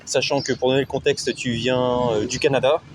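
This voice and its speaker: A man's voice: mid-range voice, flat delivery, a little fast. A man conducting a casual interview as the host, speaking hesitantly and repeating himself. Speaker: interviewer, YouTuber helping expatriates. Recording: outdoor recording with faint street noise.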